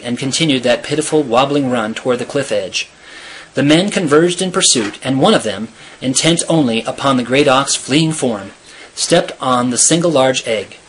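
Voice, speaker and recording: A man reading a chapter of a novel aloud in a steady, measured storytelling manner. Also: medium pitch, breathy edge, low-quality recording. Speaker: reader.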